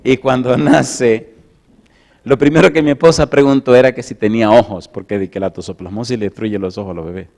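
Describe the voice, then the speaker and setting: A middle-aged man preaching, swinging between loud emphatic lines and soft, hushed storytelling. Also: medium pitch, steady tone, a little fast, gravelly. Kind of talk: sermon with personal storytelling.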